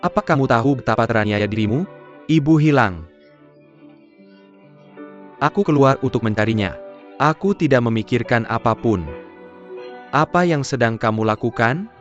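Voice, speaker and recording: A man's voice: medium pitch, animated, normal speed, long pauses, close to an everyday voice. A man dubbing a defensive, pleading husband in a drama, recorded dull with music behind. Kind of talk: dubbed drama dialogue.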